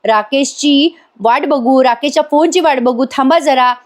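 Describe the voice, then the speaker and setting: A woman's voice: sits high, normal speed, voice pushed up, lightly acted. Woman voicing placating nervous henchman. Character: nervous male henchman soothing his boss.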